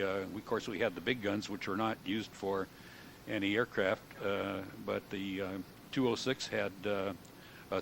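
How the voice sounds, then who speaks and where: An American man in his seventies speaks in a fairly low voice, as an old veteran remembering wartime service. His delivery is halting and matter-of-fact, pausing as he recalls details. A light background noise runs beneath the recording. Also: fairly bright tone. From United States. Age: 70s. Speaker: World War II veteran giving an interview. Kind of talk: oral history recollection.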